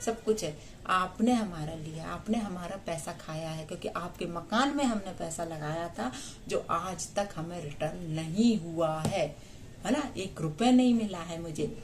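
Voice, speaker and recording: A woman's voice: lowish voice, unhurried, faint music behind. A woman in her thirties from India, talking straight to her viewers in an indignant, emphatic monologue full of rhetorical tag questions. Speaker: vlogger. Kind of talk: personal vlog monologue.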